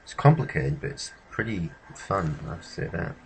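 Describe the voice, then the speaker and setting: Guy w a low gravelly voice doing a let's play on his laptop mic, kinda unsure, thinking out loud. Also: lively intonation, normal speed, a little hiss or hum, rough recording. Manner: unsure, thinking aloud between reading game text. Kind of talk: casual game commentary. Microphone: built-in laptop microphone.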